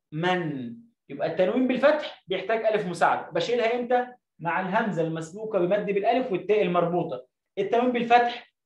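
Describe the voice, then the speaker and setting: A man's voice: high voice, distant mic. A man with an Egyptian accent teaching an Arabic reading lesson, stretching words out syllable by syllable. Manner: drawn-out syllable-by-syllable drilling. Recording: roomy, dull lo-fi sound.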